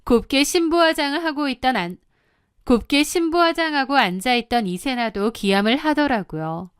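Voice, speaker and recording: Smooth-voiced woman telling her story. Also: sits high, lively intonation, moderate pace, no room sound, studio quality. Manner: confiding, matter-of-fact. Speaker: narrator. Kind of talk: first-person storytelling narration.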